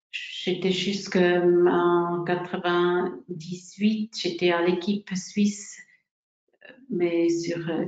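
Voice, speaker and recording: Woman, forties, guest presenter. Broken non-native French, halting, slow delivery, roomy webinar sound. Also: lowish voice, a little mellow. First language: not French, a second-language speaker. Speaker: guest speaker, massage therapist. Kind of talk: informal personal presentation. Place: indoor room, online webinar. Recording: roomy, dull webinar audio.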